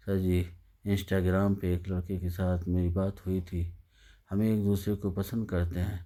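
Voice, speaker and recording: A man's voice: sits low, flat delivery, warm tone, close to an everyday voice. A man reading the lines of a weary, hopeful young woman in a sad story, in his own narrating voice. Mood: pleading.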